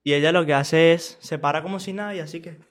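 A man with a Venezuelan accent talks over a video in relaxed commentary, slipping into laughter and slang as he retells the action. His voice sits a little high for a man. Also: fast. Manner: laughing, animated, slangy storytelling. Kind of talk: casual reaction commentary.

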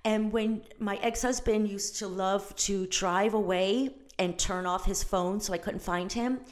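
A woman's voice: medium pitch, steady tone, unhurried. A middle-aged woman hosting a podcast, talking on her own in a chatty, gushing way that breaks off and restarts mid-sentence. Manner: gushing, chatty, self-interrupting. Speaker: podcast host. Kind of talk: casual solo podcast monologue.

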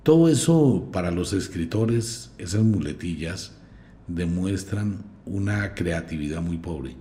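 A man's voice: low voice, slow, a little hiss or hum. A man, hosting a podcast and reading scripture aloud with blunt, mocking commentary. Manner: mocking, blunt, lively storyteller. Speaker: podcast host. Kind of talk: scornful commentary with Bible reading.

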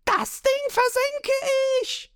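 A man voicing a brash, fearless young male pirate who yells in a high, cocky voice, in a read-aloud manga story. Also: wildly swooping pitch, a little slow, dry recording, studio quality, heavily acted. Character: brash cheeky boy pirate, fearless and loud.

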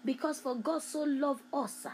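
Woman preacher, fairly high voice, repetitive emphatic prophetic delivery, faint room noise behind. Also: a little slow, a little mellow, low-quality recording. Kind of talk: prophetic sermon.

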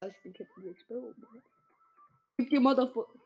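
A young woman chatting casually while playing a video game with a friend, excitable and trash-talking in slang. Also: fairly high pitch, brisk, slightly rough, dull audio. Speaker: gamer. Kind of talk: casual gaming chat.

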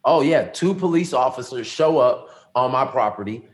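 Middle-aged man, pastor, earnest and reflective, mid-pitched voice, relaxed conversational interview answers. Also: normal speed. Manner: earnest, reflective storytelling with many ums. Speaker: lead pastor.

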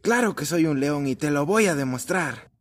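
A man's voice: on the high side, animated, moderate pace. A man voicing a small, stubborn lion cub in a children's audio story, speaking in an insistent, indignant way. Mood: defiant.

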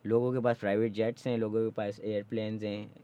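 A man in a casual podcast conversation, telling stories in animated Hindi mixed with English. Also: on the low side, fast, smooth, dull audio.

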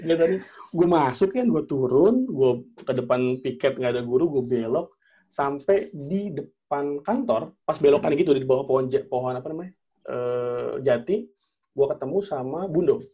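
A young man in casual chat, telling a personal story in an animated way, acting out the dialogue and using plenty of slang and fillers. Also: mid-range voice, moderate pace, breathy edge, dull audio.

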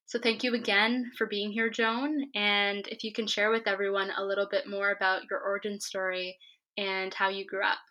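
A woman podcast host welcomes her guest and reads a long introduction. Her delivery is even and steady, with little rise and fall in pitch. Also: normal speed, rough recording. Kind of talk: podcast interview, reading an introduction.

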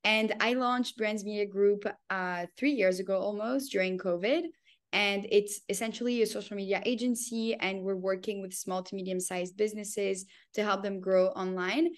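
Her voice sits in the middle range, with a steady tone and an ordinary pace. She's in her twenties, French-born and Canadian-raised, and as a podcast guest in a relaxed interview she talks eagerly, effusively and with frequent laughter.

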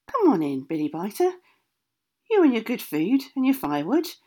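A woman's voice: on the high side, huge pitch swings, moderate pace, dark tone, voice pushed up. A woman voicing an old country woman baker who gives firm, emphatic orders in a storybook. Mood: insistent. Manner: bossy, emphatic instructions.

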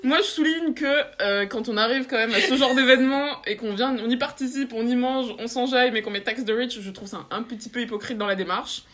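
A young woman co-hosting a casual podcast, playful and teasing in a relaxed way. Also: a little high, a little fast, few pauses. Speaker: podcast co-host.

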